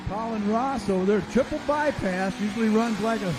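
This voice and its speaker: A man's voice: high-pitched, moderate pace. A man giving casual tractor pull commentary in a folksy, informal way, thinking aloud as an announcer. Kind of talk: casual live event commentary. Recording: noisy outdoor event with vehicle sounds.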